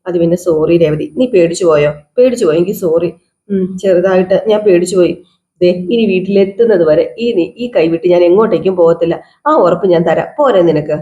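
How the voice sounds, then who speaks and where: A woman voicing an anxious, apologetic young husband who reassures his wife in a calm, soothing way. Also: high voice, a little fast, dull audio, voice pushed down, natural voice. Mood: reassuring. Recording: roomy echo.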